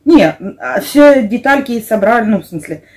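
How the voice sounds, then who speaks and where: A woman's voice: medium pitch, moderate pace, mellow. A middle-aged woman chatting casually with a friend, telling things playfully with little sound effects and made-up words. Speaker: vlog co-host, works as a house cleaner. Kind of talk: casual chat with a close friend. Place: small wood-panelled living room, indoors. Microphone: camera across the table.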